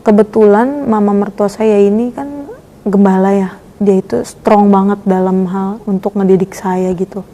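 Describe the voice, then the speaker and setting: Young woman, lively storyteller, mellow low-bright tone, casual interview guest. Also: moderate pace. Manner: lively storyteller acting out quoted dialogue. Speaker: guest sharing her conversion testimony.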